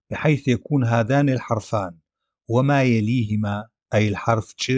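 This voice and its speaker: A man's voice: lowish voice, no room sound. A man giving a grammar lesson, carefully sounding out letters and example words one by one. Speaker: language teacher.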